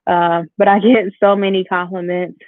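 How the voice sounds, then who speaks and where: A woman's voice: on the low side, little pitch movement, moderate pace, dry recording. An upbeat woman, chatting with viewers as she hosts a makeup livestream. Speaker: beauty livestream host. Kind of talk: casual makeup livestream chat. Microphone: AirPods. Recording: tinny phone-like livestream audio.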